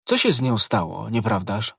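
A man voicing a bold, knowing young guardsman who speaks briskly and gives orders, in a husky voice. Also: on the low side, big pitch swings, fairly bright tone, dry recording, studio quality, exaggerated voice.

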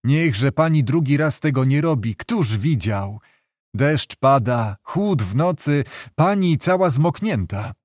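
Mężczyzna grający uprzejmego młodego lekarza. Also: male voice, mid-range voice, lively intonation, slow pace, no echo, studio quality. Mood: concerned. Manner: courteous, gently admonishing. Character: earnest young male doctor, polite and concerned.

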